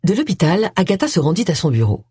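A woman reading a story aloud as an audiobook narrator, with a steady, even delivery. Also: on the low side, fast, slightly rough, no echo. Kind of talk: scripted narration. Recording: dry close studio sound.

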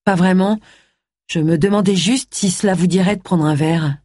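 A woman's voice: on the low side, moderate pace, a little mellow, dry recording, clean studio sound, lightly acted. A woman voicing a stubborn, lovesick man in an audiobook. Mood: earnest. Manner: stubborn, earnest.

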